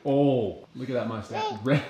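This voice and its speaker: A man's voice: medium pitch, moderate pace, lo-fi sound. A man in his thirties hosting a casual family vlog at home, playful and teasing with his kids. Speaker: family vlogger. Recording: echoey room with background noise.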